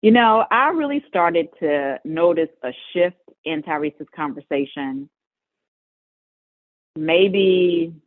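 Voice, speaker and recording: Middle-aged woman, interview guest, lively storyteller, laughs a lot, tinny phone-quality audio. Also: lowish voice, takes it slowly, dry recording. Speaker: guest, mother of an NBA player.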